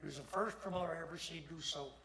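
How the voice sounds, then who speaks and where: A man's voice: on the high side, very fast, pushed and bright. An older man, a longtime motorsports official, giving a plainspoken, rambling tribute speech at an induction ceremony. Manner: plainspoken, salty, rambling storyteller. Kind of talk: folksy anecdotal tribute speech. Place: induction ceremony hall with audience. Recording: audience noise throughout.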